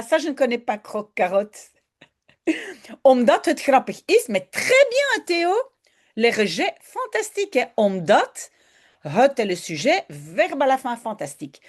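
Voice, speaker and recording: Lively, unhurried woman language teacher. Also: on the high side. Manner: patient, explaining grammar step by step. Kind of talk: correcting a student's writing.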